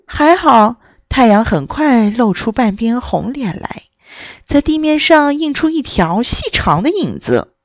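A woman reading a children's story aloud in an expressive storytelling way. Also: a little high, a little slow, no echo, highs cut off.

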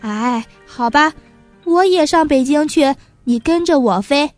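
Woman doing busy magpie big sister, kind, hurried, storybook. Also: high voice, expressive, soft background music. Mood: caring. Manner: warm, chiding, hurried.

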